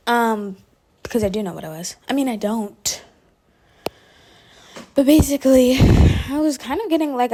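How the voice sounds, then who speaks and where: A young adult woman telling a story to her viewers in a casual, animated vlog, laughing often and filling her speech with "like". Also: a little high. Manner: animated, chatty, laughs often, heavy use of "like". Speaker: vlogger.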